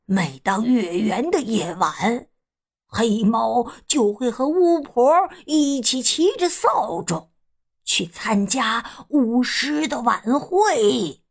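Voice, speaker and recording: A woman voicing a wise but superstitious old rooster in a storybook, speaking hushed and hesitant with many fillers. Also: mid-range voice, lively intonation, slow, gravelly, exaggerated voice. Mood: mysterious hush.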